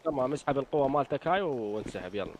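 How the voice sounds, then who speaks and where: A man's voice: medium pitch, lively intonation, racing, crowd noise, natural voice. A man with an Iraqi accent playing an arrogant member of parliament who talks dismissively and makes threats in a street confrontation skit. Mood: threatening.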